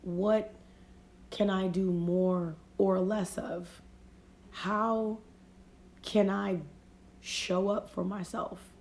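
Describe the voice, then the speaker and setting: Fighting a cold with a fading voice, a woman life coach livestreams from home on her phone, her medium-pitched, darkish voice fairly even in intonation. She draws out words and leaves long pauses while talking casually and reflectively, repeating and rephrasing her motivational points.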